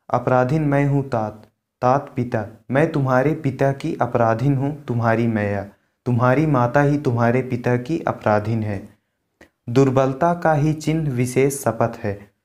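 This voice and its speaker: A man's voice: mid-range voice, darkish tone. A male teacher giving a lesson that reads a line of poetry and then explains it in simple words. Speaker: Hindi literature teacher.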